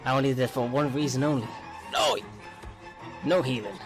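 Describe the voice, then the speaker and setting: A man's voice: medium pitch, steady tone, brisk, soft background music. A man commentating on his game with theatrical, mock-menacing, sweary taunts at other players. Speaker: gamer playing the killer in an online horror game. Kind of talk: gameplay commentary with taunting banter.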